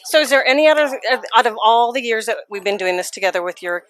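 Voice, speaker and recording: Woman gently asking interview questions. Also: a little high, animated, fast, a little hiss or hum. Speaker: animal communicator interviewer. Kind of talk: casual interview. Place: outdoor adoption event.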